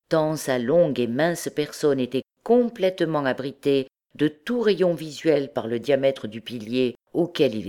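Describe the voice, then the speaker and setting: A woman reading a classic novel aloud as an audiobook narrator, with expressive delivery. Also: sits low. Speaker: audiobook reader.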